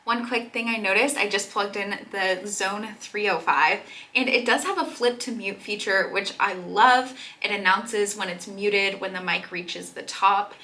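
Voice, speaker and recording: A woman's voice: medium pitch, measured pace, pushed and bright. A woman hosting a casual product review in a chatty, upbeat way. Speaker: product reviewer and video host.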